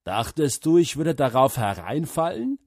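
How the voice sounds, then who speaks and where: A man voicing a loving husky farmer father. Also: on the high side, big pitch swings, unhurried, darkish tone, no room sound, studio quality, pitched above the performer's own voice, exaggerated voice. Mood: warm.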